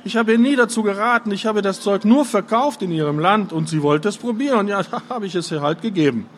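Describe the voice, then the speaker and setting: Male narrator doing a sneering, giggling veteran schemer for a storybook, pitched up high. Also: lively intonation, a little fast. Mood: wheedling. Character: scheming middle-aged male Russian veteran, mocking.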